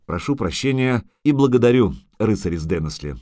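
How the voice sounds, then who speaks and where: A man's voice: lowish voice, lively intonation, fairly quick, warm tone, no echo, studio quality, natural voice. A man voicing a cold, sarcastic male monster hunter who speaks with formal, bitter irony. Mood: coldly mocking.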